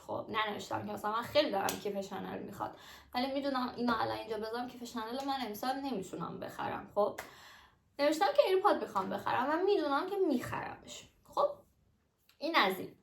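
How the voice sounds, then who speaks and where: A chatty young woman speaks straight to her viewers, explaining step by step with an easy, lively manner. Her voice sits at an ordinary middle pitch for a woman. The recording carries a noticeable echo from the room. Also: creaky, slight background noise. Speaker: vlogger. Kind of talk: casual explainer vlog. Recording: echoey room.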